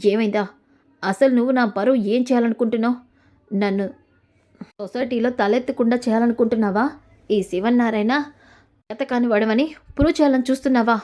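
A woman's voice: on the high side, steady tone, a little fast, pauses often, dark tone, natural voice. Woman voicing a furious old grandfather. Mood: angry. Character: stern elderly grandfather, family patriarch, angry.

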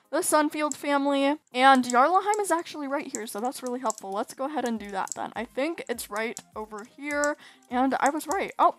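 Brief: high-pitched woman for casual gaming commentary, talkative and quick to exclaim in frustration. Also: a bit bright. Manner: chatty, often exasperated, exclaims a lot. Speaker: gaming YouTuber.

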